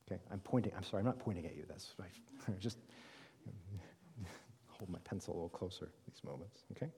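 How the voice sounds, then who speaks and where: A man with a mellow, warm voice teaches a study group in a relaxed, conversational lecture. He keeps checking in with "right?" and "okay?" and fills pauses with "um" as he works through his points. His voice carries a long reverb from the hall around him. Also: low voice, breathy edge. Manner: frequent "um" fillers and self-corrections. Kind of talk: classroom lecture. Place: reverberant room with a live group.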